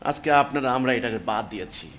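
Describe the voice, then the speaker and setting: A man preaching a sermon, firing off rhetorical questions and swinging from low, quiet asides to shouted emphasis. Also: lively intonation, a little fast, crowd noise.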